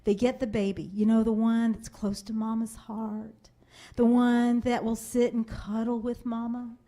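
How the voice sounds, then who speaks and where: A woman's voice: a little high, little pitch movement, unhurried, mellow. A woman sales trainer speaking to a seminar audience in a room, telling stories and acting out family voices. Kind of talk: seminar talk to a live audience.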